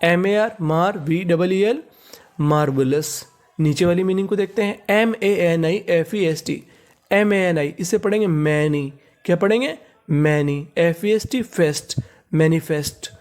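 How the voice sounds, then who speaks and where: Guy teaching english words, spells them out, keeps asking what do we read, kinda high voice. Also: measured pace, a little mellow. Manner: repeats each word and asks "what do we read?".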